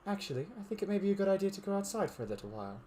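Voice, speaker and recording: A man's voice: high voice, big pitch swings, rapid-fire, warm tone, faint music behind. A man voicing a prim, polite teenage girl in a fan reading of a visual novel, speaking with formal, courteous phrasing.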